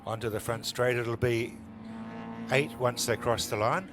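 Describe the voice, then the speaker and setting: A New man gives live motorsport commentary in a conversational, chatty way, as if sharing the call with a colleague. Music and car sounds are clearly heard behind him. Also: medium pitch, measured pace.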